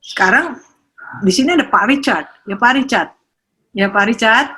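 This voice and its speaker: Husky older woman giving a lively talk. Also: fairly high pitch, moderate pace. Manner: animated, teasing, asks audience questions. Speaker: parenting speaker.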